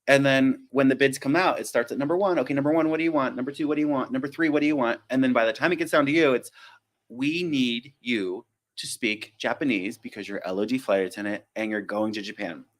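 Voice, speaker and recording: A man with a mid-range voice, a flight attendant, hosts a casual live-stream Q&A. He's chatty and self-deprecating, wandering off on tangents and acting out little quotes.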